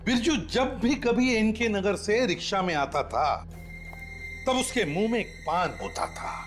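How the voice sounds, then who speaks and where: ऊँची आवाज़ वाला सोचता वरिष्ठ जासूस. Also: male voice, high-pitched, animated, unhurried, faint music behind. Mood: pondering. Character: senior male detective chief, deliberate and musing. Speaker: actor in a crime drama series. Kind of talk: dramatic TV crime drama acting.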